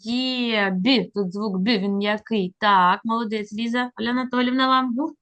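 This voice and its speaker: A woman's voice: fairly high pitch, fairly even intonation, a bit bright. Patient teacher woman on a video call. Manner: patient, encouraging, slow coaxing prompts. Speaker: literacy teacher. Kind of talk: online reading lesson with a child.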